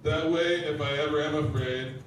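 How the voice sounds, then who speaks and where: A man doing a stand-up comedy set of deadpan one-liners to a live audience in a lounge bar. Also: fairly high pitch, moderate pace, a little hiss or hum. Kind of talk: stand-up set at an open mic. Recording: very echoey room from far off.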